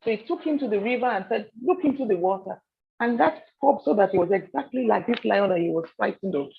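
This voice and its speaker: A woman from Nigeria leading a soft skills training session, telling stories with animated repetition. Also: mid-range voice, fast, creaky, slightly rough, narrow, tinny audio. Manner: animated storyteller, repeats phrases. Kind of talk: training seminar talk.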